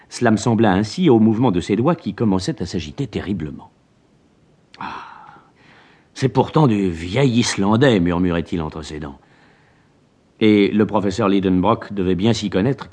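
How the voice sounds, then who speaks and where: A man narrating a classic novel in the first person, expressive and ironic. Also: fairly low pitch, slightly rough. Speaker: audiobook narrator. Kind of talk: dramatic literary narration.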